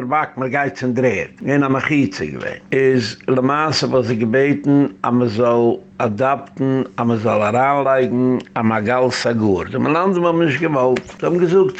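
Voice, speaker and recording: A man who is a rabbi, giving a rambling community lecture that tells stories and drops in English phrases. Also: mid-range voice. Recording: dull lo-fi recording.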